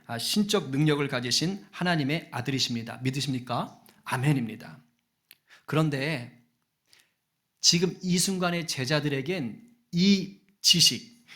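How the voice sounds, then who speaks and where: A middle-aged pastor preaching a sermon in an earnest way, often putting questions to the congregation. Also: male voice, fairly high pitch, a bit bright.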